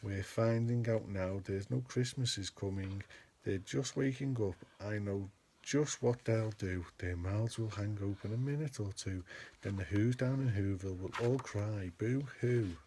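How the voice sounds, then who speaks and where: A man voicing a mean male Grinch from a storybook, musing deliberately to himself. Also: on the low side, warm tone, slight background noise. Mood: gloating. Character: gloating, mean male Grinch, later puzzled.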